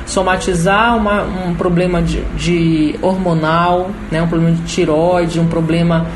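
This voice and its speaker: A woman's voice: on the low side, steady tone, a little slow, a little hiss or hum, rough recording. A woman with a Brazilian accent giving an informal explanatory talk as a program host. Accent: Brazilian Portuguese. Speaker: program host and holistic therapist.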